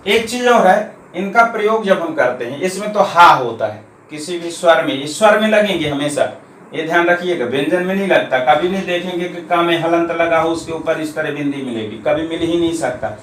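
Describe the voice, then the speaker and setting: A man with a slightly high voice teaches a grammar lesson, going through each point patiently and repeating key terms slowly. He is recorded in an echoey room with a faint hum behind him. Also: lively intonation, a bit bright.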